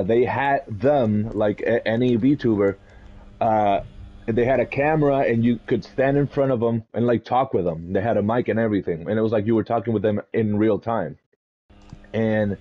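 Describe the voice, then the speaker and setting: Animated storytelling man from Puerto Rico. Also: fairly low pitch, highs cut off. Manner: animated rambling storyteller, quick laughs. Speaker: podcast co-host. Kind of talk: casual chat.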